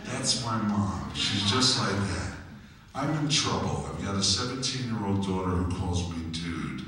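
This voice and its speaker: A man's voice: deep voice, animated, unhurried, sharp tone. A man in his fifties with a New Jersey accent, telling joking stories to a live audience and asking the crowd questions. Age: 50s. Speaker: musician telling stories on stage. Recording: echoey hall from far off.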